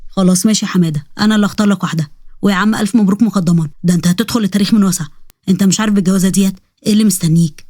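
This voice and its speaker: A hurried male doctor gives orders in a brisk, pushy way, played by a woman narrator. He has an Egyptian Arabic accent and talks very fast. The sound is close and dry. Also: medium pitch, steady tone, warm tone, no echo, natural voice.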